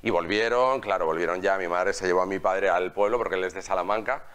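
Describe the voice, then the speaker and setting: A man's voice: low-pitched, fast, clean tone. A man in his forties, from Spain, telling personal stories as an interview guest in a small TV studio, with a lapel mic. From Aspe, Alicante, Spain. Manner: storytelling, lively, emphatic hand gestures. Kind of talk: conversational interview.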